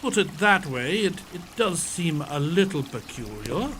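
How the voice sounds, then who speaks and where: A man acting as a genial, slightly bumbling gentleman doctor in an audio drama, genteel and exclamatory, sometimes hesitant. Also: on the high side, very animated, unhurried, noisy background. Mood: puzzled.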